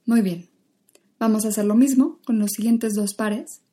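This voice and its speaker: A woman, an acting teacher leading a guided vocal warm-up, patiently drilling exaggerated syllables. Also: fairly high pitch, steady tone, normal speed, husky.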